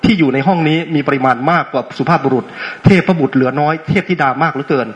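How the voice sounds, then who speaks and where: A man's voice: fairly high pitch, quick pace, muffled recording. A man giving an interactive dharma talk as a meditation teacher, playful and often checking in with questions. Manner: asks frequent rhetorical check questions; playful, teasing with audience.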